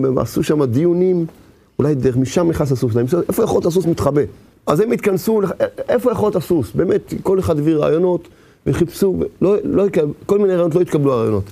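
A man giving a sermon, moving between loud, high preaching and quiet, low storytelling, acting out stories with sound effects and voices, and sometimes breaking into song. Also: vocal fry. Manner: breaks into singing.

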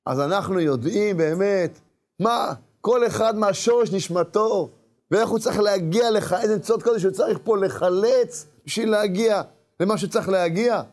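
A man preaching with a high voice. He talks in an animated way, acting out the inner voices of the people he describes and sometimes calling out loud. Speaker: rabbi. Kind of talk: sermon.

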